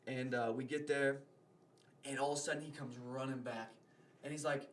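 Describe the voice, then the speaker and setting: A man's voice: mid-range voice, fairly even intonation, moderate pace. A young man, a podcast guest, telling a story in casual, rambling talk full of filler words.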